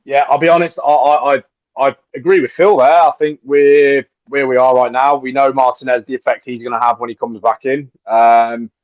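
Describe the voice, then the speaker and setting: A man hosting a fan football podcast. He talks in a relaxed way, passing questions around the panel. His voice comes through a dull, lo-fi, dry recording. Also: mid-range voice, no echo. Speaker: podcast host. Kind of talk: casual football podcast chat.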